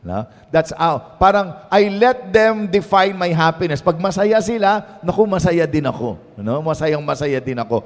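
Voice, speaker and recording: A man's voice: a little high, measured pace, few pauses, big-room sound. A Filipino man, a priest, giving a conversational sermon at a prayer meeting, mixing Tagalog and English and often tagging his sentences with "no?". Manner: mixes Tagalog and English, tags phrases with "no?"; storytelling, conversational.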